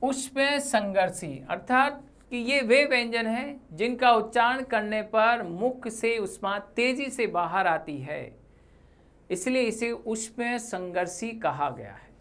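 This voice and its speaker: Slow, deliberate woman teaching grammar. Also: on the high side, lively intonation, fairly bright tone. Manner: slow, deliberate, spells out sounds with example words. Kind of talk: exam-prep lesson. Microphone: voice-over for slides.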